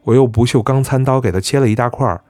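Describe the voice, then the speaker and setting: A man narrating a story in a calm, conversational reading voice. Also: mid-range voice, quick pace, no room sound.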